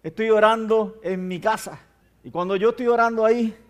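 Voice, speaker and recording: High-voiced older preacher. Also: male voice, steady tone, moderate pace, highs cut off. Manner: storytelling, acts out dialogue. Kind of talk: personal testimony.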